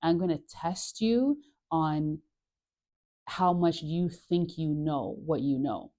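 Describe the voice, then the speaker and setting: A woman voicing a conniving, smug male devil who taunts in a low, measured way. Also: mellow. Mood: taunting.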